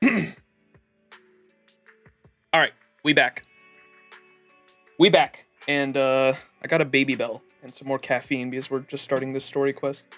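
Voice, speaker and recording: A man's voice: medium pitch, level tone, measured pace, long pauses, fairly bright tone, soft background music. A man streaming a video game with casual, sweary, slangy commentary and reading dialogue aloud.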